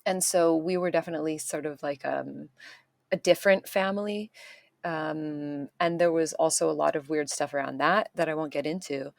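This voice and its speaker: A woman in her thirties, raised in Chicago, speaking as an interview guest, thoughtful and pausing often as she restarts sentences. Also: sits low, steady tone, gravelly, no echo. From Chicago, United States. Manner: thoughtful, many pauses and restarts. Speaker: guest, artist and activist. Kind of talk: interview conversation. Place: home in Japan, remote call.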